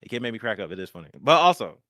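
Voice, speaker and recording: A man's voice: rapid-fire, dry recording. A man hosting a gaming podcast, talking casually with many fillers. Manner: rambling, full of filler words, lively pitch. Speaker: podcast host. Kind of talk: casual chat.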